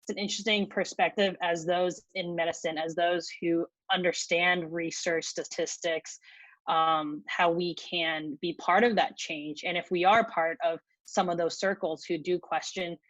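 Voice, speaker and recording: A woman's voice: fairly low pitch, steady tone, a little slow, a bit bright, dry recording. A woman speaking thoughtfully in a video-call discussion, searching for her words. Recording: dry, slightly dull video-call audio.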